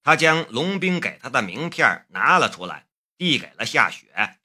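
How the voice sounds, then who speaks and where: A man narrating a novel as an audiobook, in a measured storytelling manner. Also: mid-range voice, very animated, pushed and bright. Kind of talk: scripted narration.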